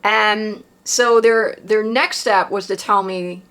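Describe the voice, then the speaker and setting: Woman with a gravelly, creaky voice. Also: mid-range voice, fairly even intonation, slow, fairly bright tone. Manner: rambling, with frequent fillers and tag questions. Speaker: vlogger recounting a personal experience. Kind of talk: casual confessional monologue.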